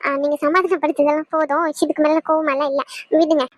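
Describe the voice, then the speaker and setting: A woman's voice: high-pitched, level tone, no room sound, natural voice. A woman voicing a huffy young wife in a cartoon who scolds her husband. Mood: flustered. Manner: scolding, fast, indignant. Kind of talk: cartoon voice acting.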